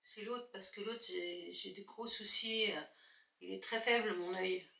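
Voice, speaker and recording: A woman's voice: mid-range voice, fairly even intonation, measured pace, vocal fry, sharp tone. A woman chatting casually through a makeup tutorial, thinking aloud as she shows each product. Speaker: makeup vlogger. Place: indoors at home, husband filming. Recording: echoey room from far off.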